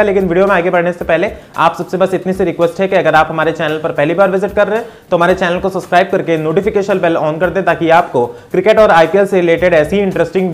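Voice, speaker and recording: A young man presenting cricket news to camera in a brisk, steady scripted delivery, recorded on a lapel mic in a small indoor room. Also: fairly high pitch. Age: young adult.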